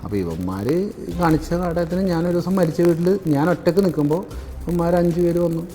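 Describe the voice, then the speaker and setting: A man's voice: on the high side, fast talker, warm tone, slight background noise. Defensive man. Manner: defensive, rambling, asks questions back. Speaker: interviewee. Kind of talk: phone-in news interview.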